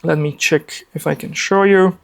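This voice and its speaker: A camera across a meeting room records an Afghan man in his forties as he presents a casual live workshop from his laptop. His slightly high voice, with vocal fry and fairly even intonation, runs at normal speed, chatty and upbeat with plenty of fillers.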